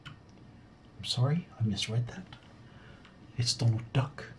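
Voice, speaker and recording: A man doing a deadpan comedic call center role-play, halting and apologetic as he asks his questions. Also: medium pitch. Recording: keyboard typing noise. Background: computer keyboard typing.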